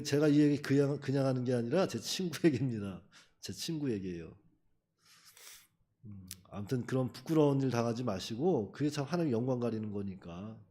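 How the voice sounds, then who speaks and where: A man's voice: mid-range voice, dark tone. A man preaching a sermon as pastor, talking to the congregation in a chatty way, acting out quotes and chuckling between points. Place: church.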